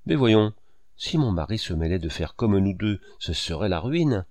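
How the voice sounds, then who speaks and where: A man's voice: fairly low pitch, very animated, moderate pace, darkish tone, no room sound, clean studio sound. A man reading aloud, voicing a calculating young woman who speaks with nervous firmness. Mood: musing. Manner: nervous, pleading then cool.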